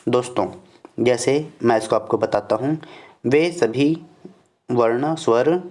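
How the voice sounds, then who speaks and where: A man with a Chhattisgarh Hindi accent teaching a slide-based grammar lesson, explaining step by step, repeating definitions slowly and saying "okay" after each point. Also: mid-range voice, a little mellow. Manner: explains step by step, often addressing viewers as "friends".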